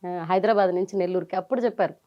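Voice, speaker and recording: A middle-aged woman, telling her story as an interview guest in lively bursts and quoting people as she goes. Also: on the low side, lo-fi sound. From Nellore region, India. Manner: animated, quotes people in quick bursts.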